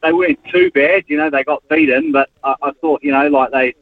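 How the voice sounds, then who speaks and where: A man's voice: on the high side, brisk, dry recording. A man from New Zealand with a New Zealand accent, calling in to a sports radio show on a hands-free car speakerphone from his work van, talking in an easygoing, rambling way. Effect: car speakerphone over a phone line. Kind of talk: casual phone-in chat. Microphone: hands-free Bluetooth in a vehicle. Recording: tinny phone line from a moving car.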